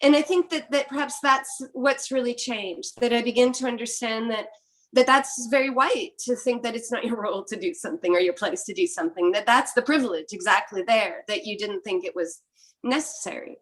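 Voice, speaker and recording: A middle-aged philosopher from Quebec, Canada, whose first language is French, speaks on an academic panel in a brisk, fairly bright, somewhat high voice. She is thoughtful and restarts her sentences often.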